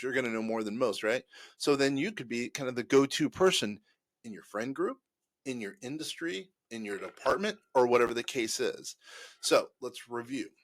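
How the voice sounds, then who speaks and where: A man's voice: mid-range voice, dry recording. Chatty man giving casual business advice. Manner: conversational, rambling with many restarts and fillers. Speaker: host. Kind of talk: casual advice talk to camera.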